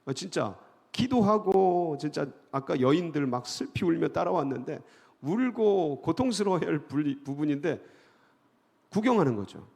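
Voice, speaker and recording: A male pastor preaching a dawn prayer sermon in a church, animated, dropping into low mock voices of scoffers. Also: moderate pace, creaky. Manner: animated, acts out mocking bystanders in a low voice. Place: church sanctuary. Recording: hall reverb.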